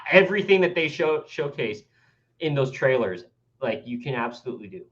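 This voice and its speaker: A man of middle pitch talks games in a chatty, rambling way, stopping to mimic what others say. His mic sounds dull and muffled. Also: very animated, a little fast, a bit bright. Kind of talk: casual gaming chat.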